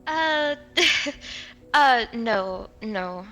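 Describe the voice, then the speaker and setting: A woman's voice: on the high side, lively intonation, drawn-out words, fairly bright tone, muffled recording, faint music behind. A woman playing a tabletop role-playing game, casually narrating her character in a giggly, hesitant way, thinking aloud.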